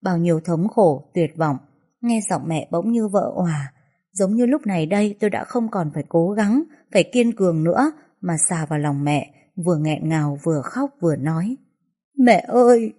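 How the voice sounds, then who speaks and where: A woman narrating a first-person story in a soft, sorrowful way. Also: lowish voice, expressive, normal speed.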